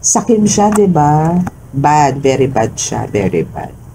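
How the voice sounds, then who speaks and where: A woman's voice: sits low, sing-song, slow pace, gravelly, mellow, slight background noise, poor audio. A woman with a Filipino accent giving a tarot reading to her viewers, emphatic and forever checking in with "no?" and "okay?". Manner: emphatic, keeps asking "no?" and "okay?". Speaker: tarot reader.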